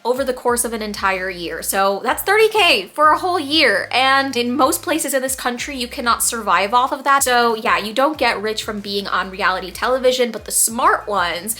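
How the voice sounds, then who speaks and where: Energetic young female vlogger, slightly high and bright, gossipy casual chat. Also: moderate pace, few pauses. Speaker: vlogger, former reality TV cast member.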